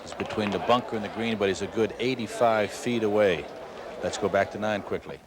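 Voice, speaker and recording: A man's voice: fairly low pitch, fairly quick. A man giving descriptive, shot-by-shot golf commentary. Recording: noisy outdoor 1980s broadcast.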